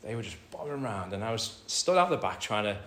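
A man with a British accent preaching a sermon in a conversational way, calling the congregation "folks" and swinging between loud emphatic lines and soft quiet asides. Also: lowish voice, very animated, fast. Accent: British English. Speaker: pastor. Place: church hall. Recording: roomy church hall with faint ambience.

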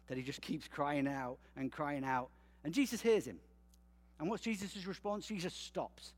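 A man preaching a conversational sermon, animated and checking in with his listeners often. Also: a little high. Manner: conversational, animated, frequent "okay?" check-ins. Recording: long hall reverb.

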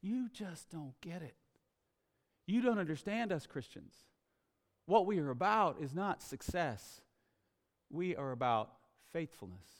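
Steadfast farmer, quiet and firm, a man acting him out, long church reverb. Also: fairly high pitch, expressive, measured pace, pauses often.

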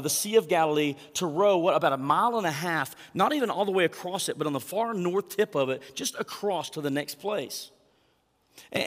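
Preacher with a raised voice in a hall. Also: male voice, sits high. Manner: reads scripture aloud with dramatic emphasis; asks the congregation for responses. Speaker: pastor. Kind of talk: sermon.

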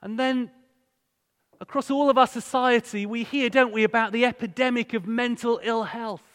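A guest speaker from Hull, England, with a northern English accent gives a live, sermon-style talk to a congregation in a large church hall, telling stories and asking conversational questions. His voice is very high-pitched and fairly bright, with fairly even intonation at a moderate pace. The echoey hall adds long reverb.

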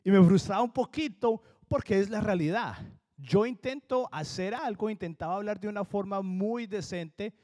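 A pastor with a Colombian accent preaches a sermon with earnest emphasis, slowing down sharply to stress key words. His voice is a little high for a man but has a darkish tone.

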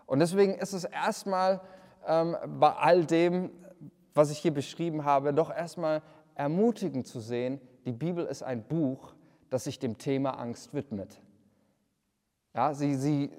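A man's voice: on the high side, dark tone, big-room sound. A man preaching a livestreamed sermon, earnest, often repeating words and restarting his sentences. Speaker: pastor.

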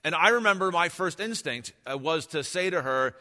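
Bright-voiced pastor at a pulpit microphone. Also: male voice, on the high side, animated, moderate pace. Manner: conversational, reflective preaching. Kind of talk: sermon. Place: church sanctuary. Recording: long church hall reverb.

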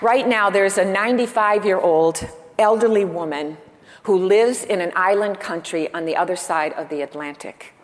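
A woman preaching a sermon to her church, putting questions to the congregation and pausing for emphasis. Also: mid-range voice, big-room sound, some chatter behind, slight background noise. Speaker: pastor.

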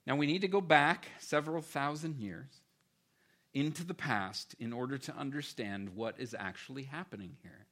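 A man preaching a sermon as pastor, with animated emphasis that keeps dropping to quiet, earnest stretches. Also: medium pitch.

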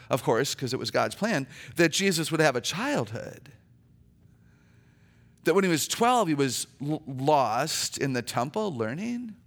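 Her voice naturally low, a middle-aged woman speaks as a guest at a church, delivering a sermon full of personal stories. Her manner is chatty and funny yet earnest.

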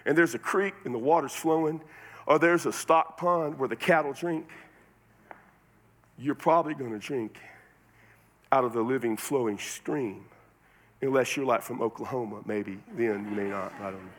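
A man's voice: mid-range voice, moderate pace, long pauses. Folksy Texan man preaching. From Texas. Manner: folksy, conversational preaching with colloquialisms. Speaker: pastor. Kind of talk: sermon.

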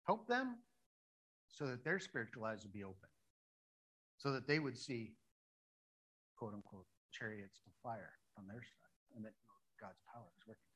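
A man preaching a sermon, reading a Bible story aloud and acting out the characters in lively asides. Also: on the low side, husky, rough recording. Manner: animated, acts out the story characters in quick asides. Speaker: pastor.

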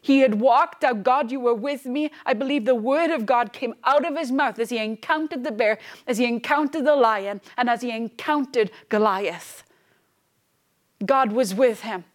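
A woman's voice: on the high side, normal speed. A woman in her thirties, a pastor preaching a fervent, emphatic sermon and repeating phrases for stress. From Wales.

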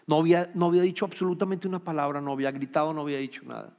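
A man's voice: a little high, little pitch movement, rapid-fire, darkish tone. A man preaching an earnest Bible-study sermon, repeating key phrases and restarting words as he explains. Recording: long hall reverb.

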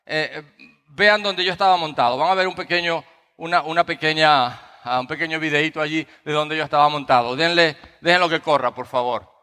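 A pastor delivering a sermon, telling a personal story with frequent tag questions before reading scripture. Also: male voice, fairly high pitch, brisk, sharp tone, clear, resonant tone. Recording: long reverb of a large hall.

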